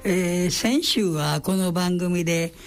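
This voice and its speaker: An older man with a Kansai accent hosting a solo radio talk, reading out listener letters in an unhurried, genial, chatty way. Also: sits high, soft background music. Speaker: radio host.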